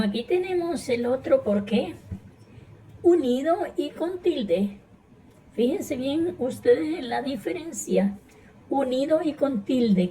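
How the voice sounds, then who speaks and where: A woman's voice: high voice, mellow, far from the mic, slight background noise, low-quality recording. A woman teaching a grammar lesson with patient explanations, repeating each point and checking in with her students. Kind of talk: slow classroom explanation.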